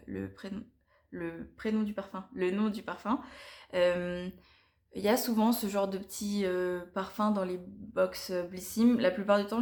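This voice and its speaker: A young woman reviewing beauty products to camera in a casual, chatty way, often pausing and restarting her sentences. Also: medium pitch, darkish tone. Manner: chatty and hesitant, frequent pauses and restarts. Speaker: beauty vlogger.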